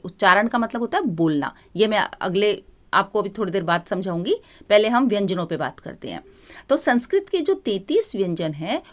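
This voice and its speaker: Lady teacher, patient, slightly high voice, stretches out the sounds for the kids. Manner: patient, explanatory, addresses students as children; slow drawn-out demonstration of sounds. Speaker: Sanskrit teacher. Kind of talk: grammar lesson for students.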